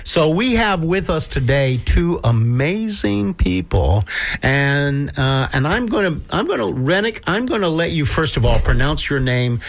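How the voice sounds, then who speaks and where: A man co-hosting a community radio show, playful and quick with quips. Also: on the high side, sing-song. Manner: playful, quippy, enthusiastic. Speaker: radio co-host. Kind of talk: casual community radio chat.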